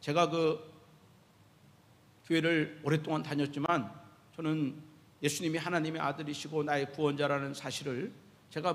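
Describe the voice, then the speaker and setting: High-voiced male pastor preaching. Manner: animated, asks the congregation questions. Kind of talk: sermon. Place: church sanctuary. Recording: echoey church hall reverb.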